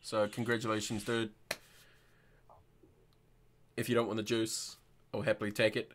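Low-voiced young New man chatting. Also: little pitch movement, moderate pace, fairly bright tone, slight background noise. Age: young adult. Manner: informal, sweary. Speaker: host. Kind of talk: casual livestream chat. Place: indoor room, livestream video call.

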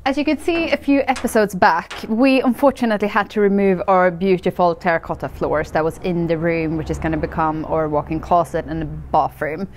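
A woman's voice: lowish voice, steady tone, a little fast, few pauses, darkish tone, slight background noise. Upbeat young woman vlog host. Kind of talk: casual vlog presenting to camera. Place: bare farmhouse room.

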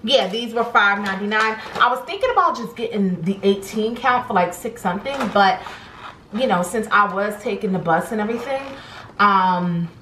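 Talking at a normal speed in a mid-range voice, a young woman vlogger gives a rambling, casual rundown of her grocery haul from her home kitchen, peppered with "um" and "like." Her tone is bright and forceful. The camera on the table in front of her makes a low-quality recording with an echoey room and a little hiss or hum.

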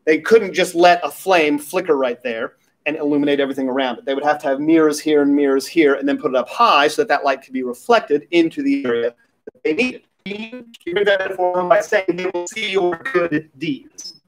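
A man's voice: a little high, a little fast, faint music behind, low-quality recording. A man preaching a sermon at a pulpit microphone as pastor, talking in a conversational way with light humorous asides.

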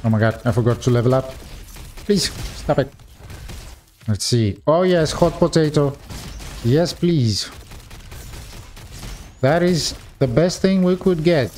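A young man gives casual, excitable commentary over his gameplay, chatting directly to his viewers. He talks at an unhurried, drawn-out pace at a middle pitch, and faint game music plays behind him.

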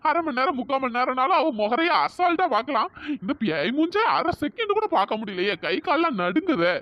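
Woman doing a scaredy village uncle guy in a cartoon, high voice, rambles and sweet-talks, muffled. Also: big pitch swings, a little fast, no room sound. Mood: nervous. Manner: fawning, jittery, rambling. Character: bumbling cowardly village man, a drunkard uncle. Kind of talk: cartoon voice acting.

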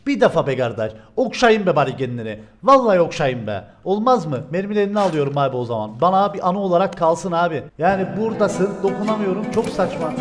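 Young male gaming streamer, high-pitched, excitable and joking live commentary, faint music underneath. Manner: excitable, joking, shouts often.

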